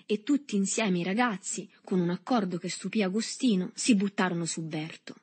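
A woman narrating a novel with a steady literary reading. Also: medium pitch, moderate pace, husky.

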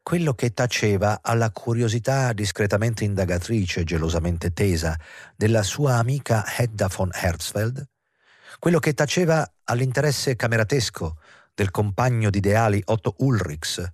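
Deep, husky male audiobook narrator. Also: expressive, normal speed, no echo, studio quality. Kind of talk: scripted narration of a novel.

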